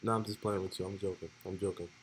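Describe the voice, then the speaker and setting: A man's voice: low voice, fairly even intonation, quick pace, breathy edge, rough recording. A young man streaming, laid-back and joking as he reads role-play text aloud in casual commentary.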